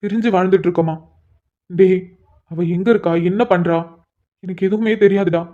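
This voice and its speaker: A man's voice: high-pitched, steady tone, brisk, lightly acted. A man voicing an anxious, lovesick police officer in a storybook cartoon, pleading and stammering when upset. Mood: tearful. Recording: dull lo-fi sound.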